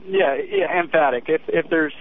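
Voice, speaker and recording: Halting army sergeant guy calling in, highish lively voice, tinny phone line. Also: creaky, crowd noise. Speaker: army sergeant phoning a radio show. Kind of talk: informal call-in interview.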